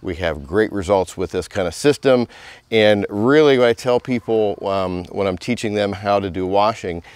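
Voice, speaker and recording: This is a middle-aged man demonstrating car detailing in a residential driveway, talking you through it in an easygoing, instructional way. His voice is fairly low and slightly mellow, delivered at normal speed with a clean tone, and the close outdoor mic picks up no room sound.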